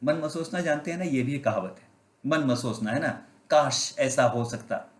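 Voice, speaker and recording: A man's voice: medium pitch, normal speed. A male pastor preaching a storytelling sermon, asking his listeners questions and slipping English phrases into his talk. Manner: asks the congregation questions and mixes in English phrases. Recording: roomy, echoey sound.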